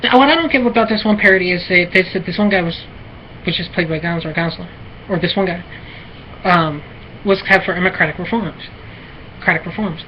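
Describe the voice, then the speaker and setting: American lady rambling on her own, lots of restarts and ums, lowish voice, kinda muffled. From United States. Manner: halting and repetitive, many fillers and restarts. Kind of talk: rambling solo monologue. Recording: muffled lo-fi with faint noise.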